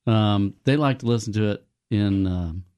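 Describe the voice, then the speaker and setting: A middle-aged man co-hosting a casual podcast, speaking in an easygoing, unhurried way. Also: fairly low pitch, mellow, clean tone.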